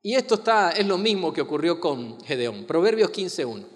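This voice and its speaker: A man's voice: sits high, expressive. Emphatic male pastor in a reverberant hall. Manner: emphatic preaching, swinging between loud stresses and soft, slow asides; invites the congregation to repeat lines. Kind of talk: sermon.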